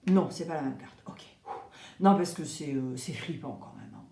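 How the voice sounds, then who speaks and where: A woman giving a casual, chatty tarot reading, expressive and animated, acting out little quoted exchanges. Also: low-pitched, normal speed, echoey room. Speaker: tarot reader.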